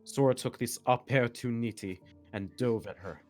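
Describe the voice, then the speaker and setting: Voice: mid-range voice, normal speed, a little mellow, soft background music. Someone reading fan fiction aloud in a melodramatic way, with joking asides. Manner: melodramatic narration, breaking into laughter and asides. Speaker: reader of a story, with commentary.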